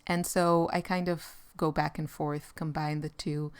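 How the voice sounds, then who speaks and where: An Israeli woman, an artist hosting a show, chats in an unhurried, easy way while she paints. Her voice is clear, smooth and slightly low, and she rambles in a relaxed manner with light laughs.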